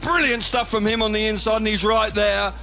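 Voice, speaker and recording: A man giving expert live motorsport commentary with an animated, emphatic delivery. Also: sits high, brisk, gravelly, faint music behind. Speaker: expert co-commentator, former rider.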